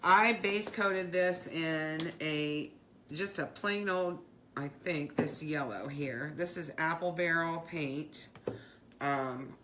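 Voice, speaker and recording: Low-voiced woman chatting on a craft livestream. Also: fairly bright tone, a little hiss or hum. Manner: heartfelt, rambling, many fillers and restarts. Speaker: craft business owner, livestream host. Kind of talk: casual live-stream chat.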